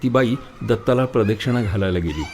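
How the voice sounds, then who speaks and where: A man reading a literary story aloud in a measured, reflective storytelling manner. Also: lowish voice, a little mellow, slight background noise. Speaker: narrator, audiobook reader. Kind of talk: literary audiobook narration.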